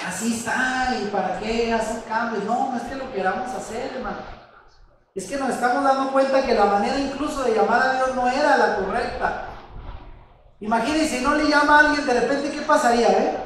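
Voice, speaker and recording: A man's voice: very high voice, a little fast, fairly bright tone. Man preaching in a very echoey room. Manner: asks rhetorical questions, addresses listeners as brother. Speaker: religious teacher. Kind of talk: conversational sermon. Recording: very echoey room, distant mic, faint noise.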